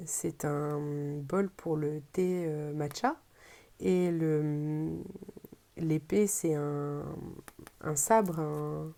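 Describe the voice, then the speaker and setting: Soft, mellow French woman, hesitant unboxing chat. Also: deep voice, fairly even intonation, very slow, vocal fry. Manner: hesitant, searching for words. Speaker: tarot deck reviewer. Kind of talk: casual unboxing presentation.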